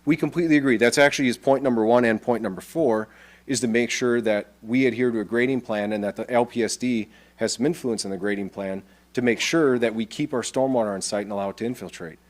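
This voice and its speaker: A man's voice: medium pitch, fast, a little hiss or hum. A man presenting a development plan at a town board meeting, explaining plainly and casually, with frequent restarts.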